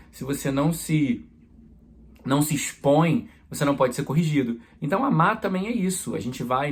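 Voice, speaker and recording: Um padre pregando uma homilia em tom de conversa, com exemplos do dia a dia. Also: male voice, medium pitch, slightly rough. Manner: conversational preaching with everyday examples. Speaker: priest.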